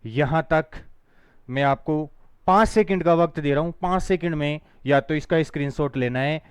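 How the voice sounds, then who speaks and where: Firm teacher drilling pronunciation. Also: male voice, on the high side, clean tone, dry recording. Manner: drills words slowly, spelling them out letter by letter; firm, teacherly, urges students to repeat along. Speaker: spoken English teacher. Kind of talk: online phonetics lesson.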